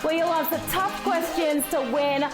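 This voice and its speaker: A woman hosting a live trivia game show, energetic and playful, with a sing-song delivery. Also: very high-pitched, normal speed. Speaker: quiz show host. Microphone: played through a phone app. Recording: background music from the app.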